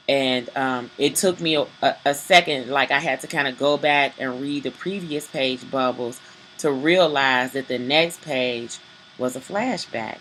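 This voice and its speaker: A woman's voice: extremely low pitch, fairly bright tone, slight background noise, low-quality recording. A woman giving a casual, rambling spoken review of a comic book, with many fillers and restarts.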